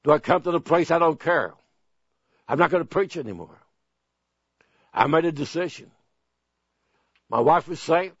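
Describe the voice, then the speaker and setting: An older man preaching a sermon as pastor, earnest and pleading, repeating phrases slowly. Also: on the high side, slightly rough, no echo. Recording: dull dry broadcast sound.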